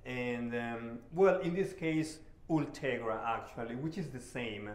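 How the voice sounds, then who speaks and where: A man, a bike shop mechanic giving a relaxed hands-on repair tutorial in a shop showroom. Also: mid-range voice, measured pace, roomy sound. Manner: relaxed and friendly, with many "uh" fillers.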